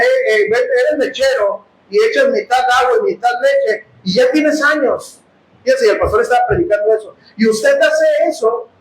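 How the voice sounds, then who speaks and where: A man with a Mexican accent preaching a sermon testimony, impassioned and often bursting into shouts as he addresses his brothers. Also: very high-pitched, reverberant, a little hiss or hum, poor audio. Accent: Mexican Spanish. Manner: impassioned, bursts into shouting, calls listeners "hermanos". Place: house of prayer.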